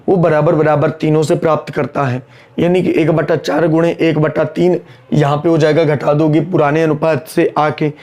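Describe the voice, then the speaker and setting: A strained, sore-throated man teaches accountancy over the internet, mixing English terms into his Hindi while he solves sums aloud. His voice is a little high and a little mellow. Brisk and scolding, he tells his students off and goes over key lines again and again.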